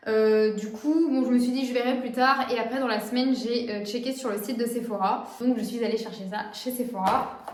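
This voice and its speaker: A woman's voice: fairly high pitch, steady tone, a little fast, darkish tone, echoey room. A woman in her twenties chatting casually as a beauty vlogger, with frequent hesitations. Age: 20s. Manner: chatty, frequent "euh" fillers. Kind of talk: casual vlog chat.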